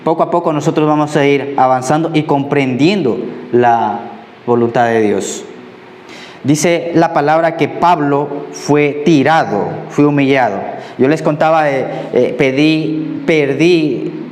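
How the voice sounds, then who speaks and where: A man preaching a conversational sermon as a pastor, often checking in with the congregation. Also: medium pitch. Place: church. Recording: echoey church hall, faint ambience.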